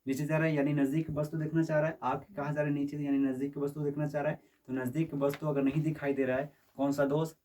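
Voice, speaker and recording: A man's voice: fairly high pitch, level tone, fast talker, few pauses, dark tone. A man teaching a physics lesson, constantly asking his students questions and checking that they follow. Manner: quizzes students with repeated questions and checks understanding. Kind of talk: classroom lecture. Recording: voice from a distance.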